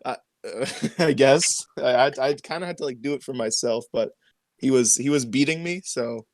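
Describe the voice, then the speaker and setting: A young man co-hosting a podcast in casual chat, joking deadpan over a voice call mic. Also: mid-range voice, normal speed, no room sound. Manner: joking, deadpan absurd humor. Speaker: podcast co-host. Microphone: computer mic on a voice call.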